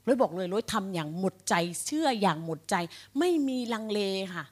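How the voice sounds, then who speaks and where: Energetic woman giving a rallying sales pep talk. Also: medium pitch, brisk, slightly rough. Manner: energetic, rallying, addresses audience directly with questions. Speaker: motivational speaker at a sales agents' meeting. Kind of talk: motivational speech to a live audience.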